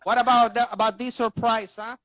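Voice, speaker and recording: A Costa Rican man whose first language is Spanish hosts a casual live video chat in English, rambling and repeating words as he searches for them. His voice is extremely high, level, brisk, bright and forceful.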